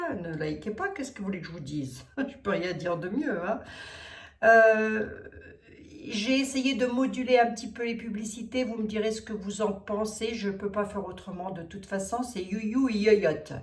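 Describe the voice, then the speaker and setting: A woman's voice: mid-range voice, recorded from a distance. A woman with a Lorraine accent, a tarot reader talking casually to her viewers in a chatty, teasing way that laughs at herself. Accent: Lorraine French. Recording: roomy sound from away from the mic.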